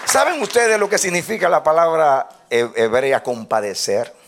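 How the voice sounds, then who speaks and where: A pastor delivers a sermon with a bright, ringing tone and a fairly high voice. He swings between shouted praise and hushed, whispered passages. A congregation can be faintly heard behind him in the church. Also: expressive, moderate pace, gravelly, a faint crowd, a little hiss or hum.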